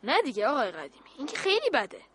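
Actress playing a calm kid commander in a radio play; very high voice, dry and close. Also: female voice, breathy edge, no echo, exaggerated voice. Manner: polite, calm, in charge. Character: young boy leader of a war game.

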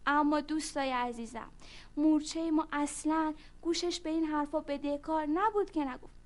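A woman telling a story to children, lively and speaking directly to the young listeners. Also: high voice.

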